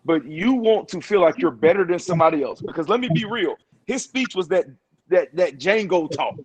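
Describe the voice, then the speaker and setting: A man's voice: high-pitched, animated, moderate pace, husky, dry recording, poor audio. A man on a virtual panel speaking bluntly and with heat. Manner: blunt and fired up. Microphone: video call.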